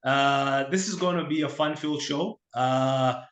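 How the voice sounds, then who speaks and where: A man from Lesotho hosting a casual interview show, relaxed and informal, with filler pauses. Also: mid-range voice. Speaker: podcast host. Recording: echoey room.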